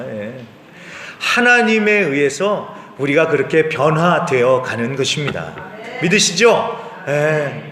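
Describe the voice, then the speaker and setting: Animated pastor preaching in echoey church. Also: male voice, fairly high pitch. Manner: conversational preaching with frequent rhetorical questions and affirming "yes". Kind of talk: sermon. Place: church sanctuary. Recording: echoey church hall reverb.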